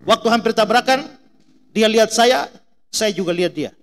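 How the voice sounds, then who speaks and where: With a high-pitched voice at a moderate pace, a middle-aged Indonesian man preaches, narrating stories animatedly, mimicking voices, and putting questions to his congregation as their pastor.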